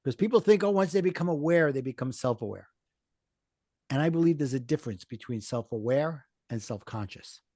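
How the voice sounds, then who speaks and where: A man's voice: medium pitch, expressive, fairly quick, dark tone, dry recording, clean studio sound. A middle-aged man with a Brooklyn accent, speaking as an interview guest in an earnest, explanatory way. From Brooklyn, New York. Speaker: podcast guest, life coach and author. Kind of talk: conversational interview, personal storytelling.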